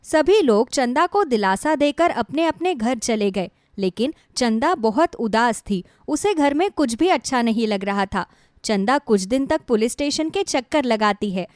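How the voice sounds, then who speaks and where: A woman narrating a scripted bedtime moral story in an even, measured storytelling manner. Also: on the high side, no echo, studio quality.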